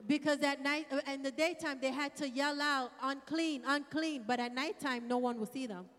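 A woman with a high voice interprets a sermon live, repeating each phrase just behind the preacher. She sometimes restarts a phrase as she finds the words. Her voice rings with long reverb in a large church hall. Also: fairly even intonation, moderate pace, fairly bright tone. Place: church sanctuary.

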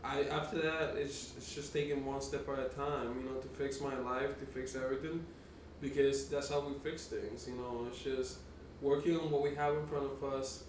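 A man's voice: mid-range voice, little pitch movement, normal speed, far from the mic. A man telling a story in casual podcast chat, rambling, swearing and laughing often. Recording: echoey room, off-mic, faint noise.

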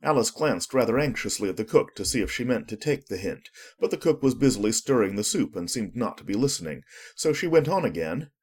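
A man's voice: medium pitch, animated, a little fast, few pauses, a little mellow, husky. A man narrating a storybook as a scripted audiobook, telling it expressively.

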